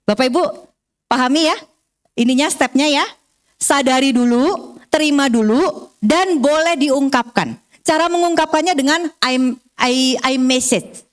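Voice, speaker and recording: High-voiced woman counselor lecturing parents. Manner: warm coaching tone, guides breathing counts slowly and softly; acts out parent and child dialogue in changed voices. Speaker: counselor speaking at a parent seminar. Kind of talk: seminar talk to parents.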